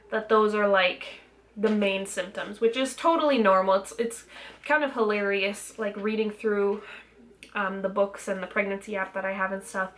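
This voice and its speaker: A woman's voice: mid-range voice, fairly bright tone. A young woman chatting to her camera in a loose, rambling way. She fills her sentences with ums and restarts, sounding a little out of breath. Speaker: vlogger. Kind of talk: casual vlog chat.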